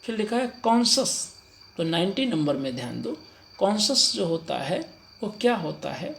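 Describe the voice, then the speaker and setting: A man teaching an exam-prep grammar lesson. He reads sentences slowly and explains them in Hindi, asking rhetorical questions. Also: high-pitched, vocal fry, a bit bright, a little hiss or hum. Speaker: English teacher.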